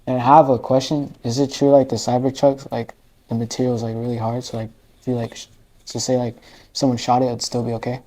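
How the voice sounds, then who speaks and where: A man's voice: mid-range voice, flat delivery, quick pace, warm tone, poor audio. A male host asking casual, curious questions in an easygoing chat, with lots of "like" filler. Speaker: interview host.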